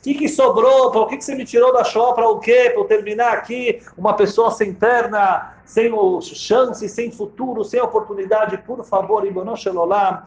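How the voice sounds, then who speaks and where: A man's voice: sits high, normal speed, a little mellow, echoey room, lo-fi sound, natural voice. A man voicing a desperate wounded man pleading in tears. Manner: pleading, breaking voice.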